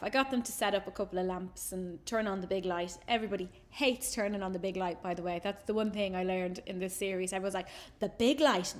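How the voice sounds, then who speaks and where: An Irish woman in her thirties tells a story in a relaxed, chatty way. She is a photographer giving a talk, and she livens it up by acting out the voices of the people she quotes. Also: medium pitch. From Ireland. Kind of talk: casual storytelling presentation.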